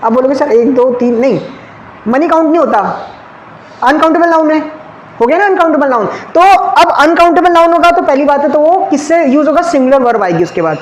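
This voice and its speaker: A man's voice: very high voice, expressive, fairly quick. A man teaching an exam-prep grammar lesson in a classroom, asking questions and answering them himself and checking often whether the class has understood. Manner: checks often with "clear?" and "okay". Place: classroom with ceiling fans. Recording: echoey room, faint background hum.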